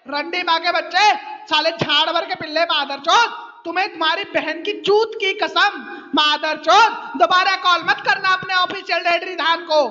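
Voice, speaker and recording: A man's voice: extremely high pitch, pushed and bright, big-room sound, muffled recording. A male caller hurling jeering, repetitive taunts in an abusive voice-call insult battle.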